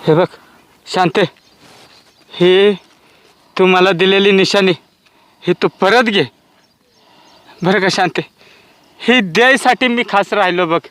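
A man's voice: sits high, slow, pauses often, fairly bright tone, dry recording. An actor playing a lovesick village man driven mad by lost love, pleading and repeating her name in a Marathi comedy sketch. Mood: tender, grieving.

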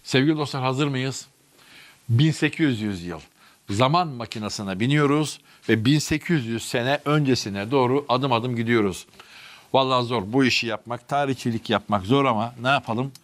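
A man's voice: medium pitch, moderate pace. A man hosting a history vlog on location underground, narrating dramatically and speaking straight to his viewers and crew, his voice echoing in the chamber. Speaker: history vlog host and guide. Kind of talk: spoken on-location tour narration. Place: underground stone passages beneath old city.

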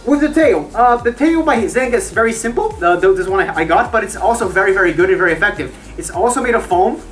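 A woman's voice: mid-range voice, lively intonation, fast talker, distant mic, soft background music. Woman talking from inside a fursuit head. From Brazil. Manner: chatty, with frequent fillers and repeats. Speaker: fursuit reviewer. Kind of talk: casual review vlog.

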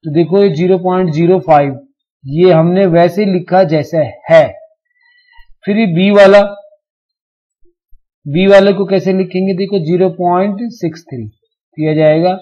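A man teaching a math lesson, explaining slowly and step by step, repeating each number. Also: high-pitched, fairly even intonation, mellow, muffled recording. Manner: slow, repetitive, step-by-step explaining.

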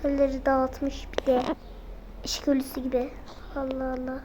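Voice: high voice, monotone, normal speed, background noise, close to an everyday voice. A child voicing a short-tempered mother who is fed up with her naughty daughter, scolding and grumbling. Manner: exasperated, scolding, grumbles under her breath.

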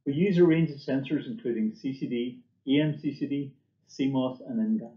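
A middle-aged man with a mid-range, brisk voice delivers a scripted product presentation for his company from a desk indoors. He's seen on webcam in an indoor room, and the audio is dull and muffled with an echoey room sound.

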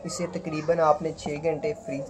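A man calmly talking through a recipe step by step as a cooking presenter. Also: fairly high pitch, a crowd in the background. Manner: calm, unhurried instructions. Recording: noisy home recording.

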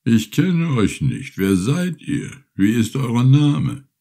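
A man voicing a bent, frightened very old male villager who asks slow, halting questions. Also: mid-range voice, wildly swooping pitch, dark tone, voice pushed up, full character voice.

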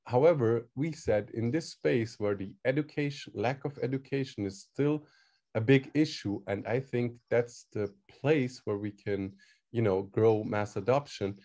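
A mellow Swiss man with a mid-range voice answers casual interview questions as a guest from a crypto project team. English isn't his first language, so he speaks haltingly, searching for words.

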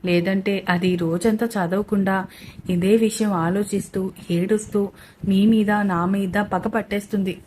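A woman's voice: medium pitch, steady tone, unhurried, darkish tone, a little hiss or hum, voice pushed down, lightly acted. A woman voicing an innocent, cheeky young female student who talks in an artless, chatty way.

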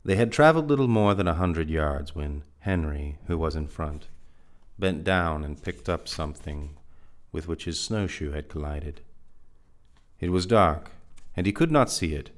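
A man's voice: very deep voice, animated, unhurried. A man narrating a dramatic reading of a novel in a vivid storyteller manner. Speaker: reader.

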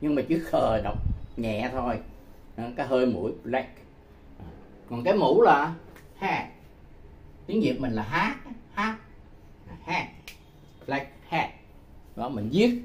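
A man walks listeners through a casual language lesson at an unhurried, deliberate pace. His voice sits at an ordinary middle pitch for a man. He says each phrase over and over with patient care and chuckles often between them. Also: a little hiss or hum. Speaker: English teacher.

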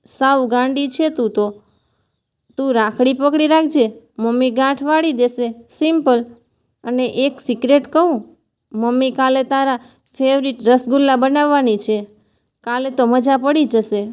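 A woman's voice: sits high, a little slow, a little mellow, clear, resonant tone. A woman voicing a caring older brother who comforts his little sister in a tender, teasing way.

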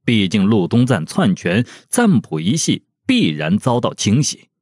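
A man narrating a novel as an audiobook with expressive storytelling. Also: on the low side, unhurried, no echo, studio quality.

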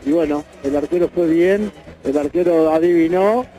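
A co-commentator offers measured, reflective remarks on the match. His voice is high yet mellow and dark in tone. Faint music sits under the broadcast. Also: rough recording. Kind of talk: radio football analysis.

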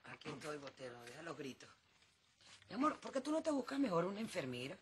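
An actress playing an exasperated, sarcastic wife in a telenovela. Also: female voice, low-pitched, big pitch swings, quick pace, a little hiss or hum. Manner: sarcastic, sharp-tongued. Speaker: soap opera character. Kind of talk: telenovela comedy acting.

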